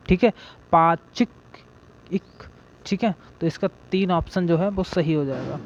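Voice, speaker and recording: A man's voice: a little high, darkish tone. A man teaching an exam-prep grammar lesson, asking questions and then answering them himself, checking in with "okay" again and again. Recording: dull lo-fi audio.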